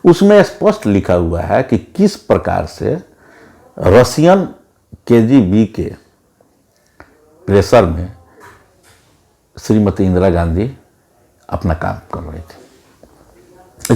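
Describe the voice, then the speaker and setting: A man's voice: on the low side, warm tone. A man giving an opinionated monologue as a political commentator, emphatic and lecturing, repeating words for stress.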